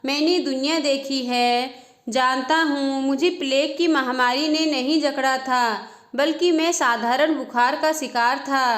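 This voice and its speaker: A woman's voice: high voice, a bit bright. A woman voicing a frail old village man, abandoned by his family, pleading and lamenting in a storybook reading.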